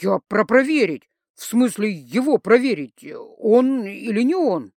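A woman voicing a drunk, pompous young man who stammers and insists loudly. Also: a little high, very animated, unhurried, dry recording, clean studio sound, exaggerated voice. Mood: insistent.

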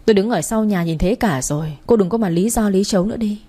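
A woman's voice: medium pitch, fast talker, warm tone, close to an everyday voice. A woman voicing a stern young man who scolds curtly. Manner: clipped, scolding. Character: stern young husband, angry and curt.

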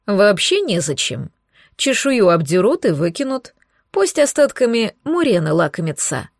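A woman voicing a lazy, melancholic male sea turtle who talks in a slow, weary drawl. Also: mid-range voice, sing-song, dry recording, studio quality.

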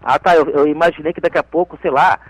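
A man's voice: a little high, fairly even intonation, quick pace, no echo, low-quality recording. Man with a gaúcho accent, radio host. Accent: gaúcho Brazilian Portuguese. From Piauí, Brazil. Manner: hesitant, full of restarts and fillers. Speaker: radio interviewer. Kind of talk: radio interview.

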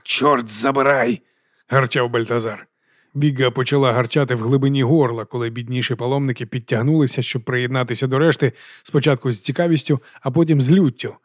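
A man narrating an audiobook in a measured, even storytelling manner. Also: medium pitch, no room sound, studio quality.

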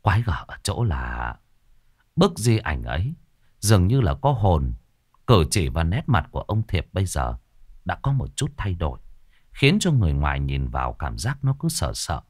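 Man telling a ghost story, lively low voice. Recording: faint music behind the voice.

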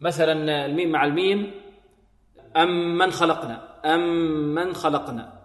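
A man teaching Quran recitation rules, asking his students questions and answering them himself, then slowly chanting example verses. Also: a little high, steady tone. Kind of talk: tajweed lesson with recited examples. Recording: echoey hall, voice a bit distant.

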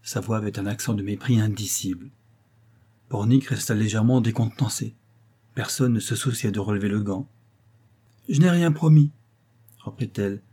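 Low, dark-voiced male narrator. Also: steady tone, a little fast, husky. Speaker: audiobook narrator. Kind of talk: reading a classic novel aloud.

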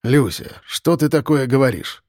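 A man's voice: medium pitch, expressive, moderate pace, darkish tone, dry recording, clean studio sound, lightly acted. A man doing a plain-spoken older man. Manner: plain, reassuring.

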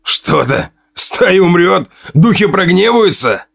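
A man's voice: very animated, takes it slowly, creaky, heavily acted. A man voicing an enraged wounded young hunter. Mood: furious. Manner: shouting, shrill.

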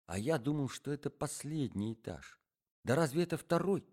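A man's voice: medium pitch, sing-song, moderate pace, warm tone, voice pushed up. Man doing a terse whispering young man. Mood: hushed tense. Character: tense jealous young man, hushed and curt.

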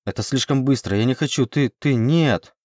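A man voicing a fiery, sharp-tongued young bride. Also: medium pitch, moderate pace, no room sound, clean studio sound, pitched above the performer's own voice, lightly acted. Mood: flustered. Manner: indignant, biting retorts.

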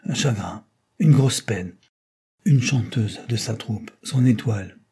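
A man voicing a lively, teasing young woman in an audiobook, with his pitch lifted and a husky tone. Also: slow pace, full character voice. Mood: somber.

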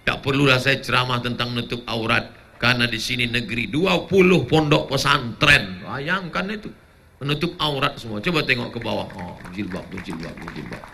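A man preaching a humorous sermon, joking with the crowd and breaking into chanted prayers and shouts. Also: medium pitch, vocal fry, a little hiss or hum. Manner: animated, jokey, breaks into chanted Arabic and shouts.

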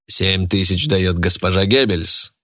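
A man's voice: low-pitched, fairly bright tone, no echo, studio quality. A man voicing a smug, greedy male auctioneer who draws out his announcements. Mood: gloating. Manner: drawn-out, gloating announcing.

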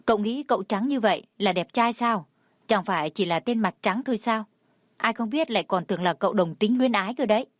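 A woman's voice: mid-range voice, fairly quick, dry recording, studio quality, lightly acted. A woman reading the part of a feisty young student posing as a boy in an audio story, answering back sharply. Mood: retorting. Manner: sharp, retorting.

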